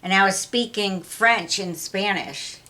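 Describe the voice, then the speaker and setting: A middle-aged woman answering her son's questions in an unhurried, plain, matter-of-fact way. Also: mid-range voice, bright, forceful tone. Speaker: interview guest, mother of the host. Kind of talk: casual family interview.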